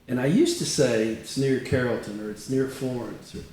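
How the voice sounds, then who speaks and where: A man's voice: medium pitch, moderate pace. An older man, a retired county attorney, telling long rambling anecdotes as an interview guest. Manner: rambling anecdotal storyteller, animated. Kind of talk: casual interview chat. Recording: echoey room, distant mic, faint noise.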